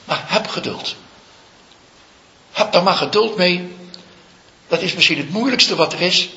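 A man, a Zen teacher, giving a slow, reflective dharma talk full of stories. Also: high voice, vocal fry, sharp tone. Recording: echoey room, dull lo-fi sound.

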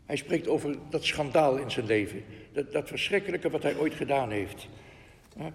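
A man's voice: on the high side, expressive, moderate pace, vocal fry, in a large hall. A man giving an earnest, reflective spiritual talk and reading quotations aloud, with frequent asides.

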